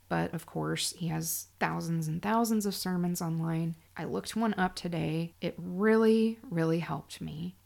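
A woman's voice: fairly low pitch, vocal fry, a little mellow. A middle-aged woman hosting her own podcast, talking candidly and sarcastically in a solo monologue. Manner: candid, sarcastic, emphatic storytelling. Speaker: podcast host.

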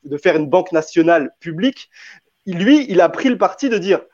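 Man, high pitch, debate panelist, hesitant, frequent restarts, dry lo-fi sound. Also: animated, normal speed, a little mellow, no echo. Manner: hesitant, many restarts and repeated words. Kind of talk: spontaneous debate argument. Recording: dull, dry lo-fi audio.

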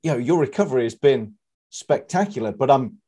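A man hosting a conversational interview, putting his questions in a halting, roundabout way with many asides. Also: medium pitch, lively intonation, warm tone. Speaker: interviewer, host.

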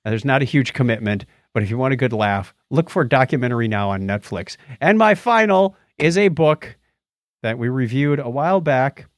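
With a mid-range voice, lively intonation and a normal pace, a middle-aged or older man co-hosts a podcast discussing movies and books. His reviews are casual and rambling, and he often gropes for names. The audio is clean studio sound without echo.

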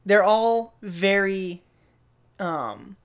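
A woman's voice: mid-range voice, animated, very slow, smooth. Casual millennial woman podcaster, enthusiastic. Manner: casual millennial speech, peppered with "like". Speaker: podcast co-host. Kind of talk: casual film-fan podcast chat.

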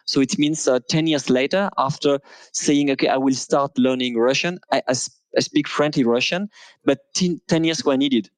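A man with a French accent, a native French speaker, talking as an interview guest in casual conversation, hesitant with many pauses and restarts. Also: medium pitch, no room sound, low-quality recording.

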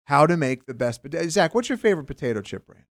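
A man from Pennsylvania co-hosting a podcast, chatting casually with emphatic, animated opinions and frequent restarts. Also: a little high, fast, no echo, studio quality. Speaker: podcast co-host. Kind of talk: casual chat.

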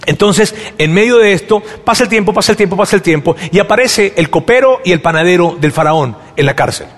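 A man's voice: high voice, expressive, fairly quick, in a large hall. A man preaching a sermon, telling a story animatedly and acting out the dialogue, with many repeated words. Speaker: pastor.

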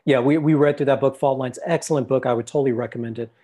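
An American man with a husky, middle-pitched voice co-hosts a discussion about faith. He speaks fast and earnestly in a warm tone with fairly even intonation, often stammering and repeating his first words as he gets started.

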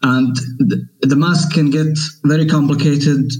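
A man from Saudi Arabia being interviewed as a guest artist, speaking in a measured, thoughtful way with pauses. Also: on the high side, fairly even intonation, a little mellow, low-quality recording. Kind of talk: interview conversation.

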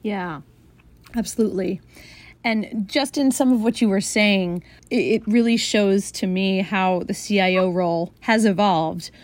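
A woman's voice: mid-range voice, no room sound. A woman interviewing an executive, affirming his answers and moving the conversation along in a friendly way. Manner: affirming, with quick verbal nods.

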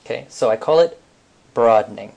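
A man on a podcast explaining a mind technique step by step, relaxed, with frequent fillers. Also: mid-range voice, normal speed, creaky. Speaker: podcast co-host. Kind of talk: casual teaching talk.

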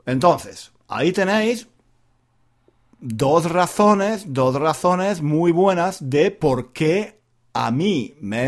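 A man from Granada teaching Spanish to learners, talking slowly and clearly, pronouncing every syllable and repeating himself often. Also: medium pitch. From Granada, Spain. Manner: deliberate, carefully enunciated, repetitive. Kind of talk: slow teaching monologue for learners.

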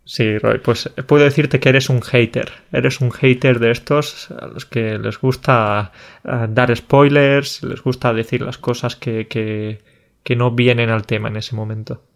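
A man's voice: mid-range voice, steady tone, a little slow, creaky. Playful man co-hosting a podcast. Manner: friendly teasing, playful. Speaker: podcast co-host. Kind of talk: casual chat about Spanish loanwords.

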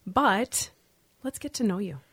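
A woman's voice: medium pitch, lively intonation, unhurried, fairly bright tone, breathy edge, dry recording. A woman hosting a podcast in a studio, chatting easily with a guest and laughing often. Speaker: podcast host. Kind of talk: casual interview chat.

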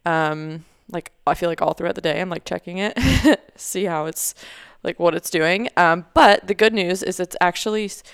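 A woman's voice: fairly low pitch, fairly even intonation, moderate pace, few pauses, smooth, no echo, clean studio sound. A young woman co-hosting a podcast, chatting casually with lots of fillers and easy laughter. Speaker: podcast co-host. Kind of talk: casual chat.

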